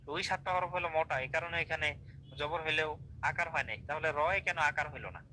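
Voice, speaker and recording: A man's voice: a little high, fast talker, bright, forceful tone, a little hiss or hum, rough recording. A man teaching an online class, explaining step by step, repeating drills and asking checking questions. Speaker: Quran recitation teacher.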